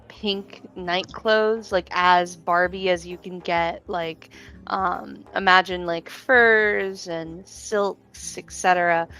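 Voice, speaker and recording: Woman running a tabletop game, super slow and rambly, lots of likes and ums, soft music. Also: on the low side, clear, resonant tone. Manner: rambling, many fillers and likes. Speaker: game master. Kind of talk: narrating a tabletop role-playing game.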